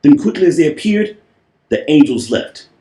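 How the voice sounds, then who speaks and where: Pitched fairly high and mellow, this man's voice is very animated as he moves at a normal speed through a children's storybook, hamming it up with stretched, repeated words and playful asides. There's a roomy echo around him.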